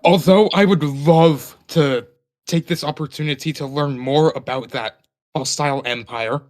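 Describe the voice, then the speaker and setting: A man playing a tabletop role-playing game, explaining his character's reasoning in long, measured sentences. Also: fairly high pitch.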